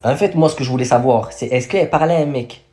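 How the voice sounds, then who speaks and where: A man's voice: mid-range voice, fast, darkish tone. A young man with a cold, telling a slangy personal story to camera and laughing at himself. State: stuffy with a cold. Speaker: vlogger. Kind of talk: casual storytime.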